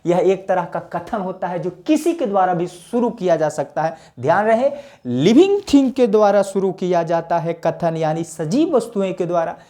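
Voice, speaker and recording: Mellow-voiced Bihari man teaching grammar. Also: high-pitched, lively intonation, moderate pace. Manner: chatty and joking, asks questions then answers them, calls viewers sir. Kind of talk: casual grammar lesson to camera.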